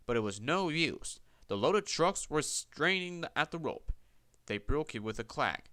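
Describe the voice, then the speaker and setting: A man narrating a children's railway storybook in a lively, expressive way. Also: on the high side, measured pace, no echo.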